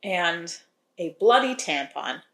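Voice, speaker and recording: She takes it slowly, her fairly low, expressive voice carrying a fairly bright tone in an echoey room. This woman co-hosts a podcast and recaps a romance novel through casual, wry chat punctuated by plenty of laughs.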